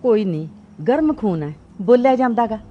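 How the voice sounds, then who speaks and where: A woman playing a middle-aged sister-in-law who calms others down in a reassuring way. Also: fairly high pitch, normal speed, dull audio. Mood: soothing. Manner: placating, reassuring.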